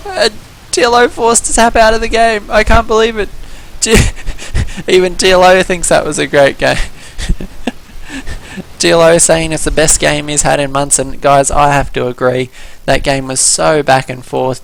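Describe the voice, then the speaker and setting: A man with an Australian accent casting a strategy game match, excited and out of breath, tripping over words at times. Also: on the high side, gravelly, a little hiss or hum, low-quality recording. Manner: excited, quick reactions, some stumbles. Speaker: game caster. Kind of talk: esports play-by-play commentary.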